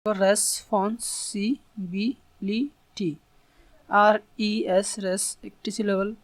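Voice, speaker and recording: A man's voice: high-pitched, fairly even intonation, normal speed, a little mellow, no room sound. A man teaching English in an online tutorial. He explains patiently and spells words out letter by letter.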